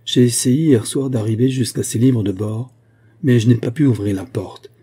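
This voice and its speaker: A man voicing an anxious young man giving a long, earnest and measured account in an audiobook reading. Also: mid-range voice, mellow, slightly rough.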